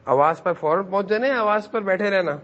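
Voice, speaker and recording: Guy with a high voice lecturing kids, keeps asking them questions, kinda dull lo-fi sound. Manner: repetitive, questions the children and urges them to answer. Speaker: religious teacher of children. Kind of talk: classroom lesson to children. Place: madrasa classroom.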